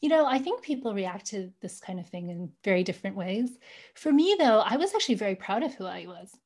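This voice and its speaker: Brisk and sing-song, with a medium-pitched and slightly mellow voice, a woman in her forties from the United States tells reflective personal stories as an interview guest. She looks back earnestly on her childhood, frequently saying "you know."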